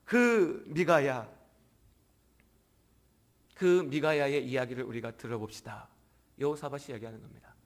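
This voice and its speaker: A male pastor preaching an evening sermon, retelling a story and acting out the quotes. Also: fairly high pitch. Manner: animated storytelling with acted-out quotes.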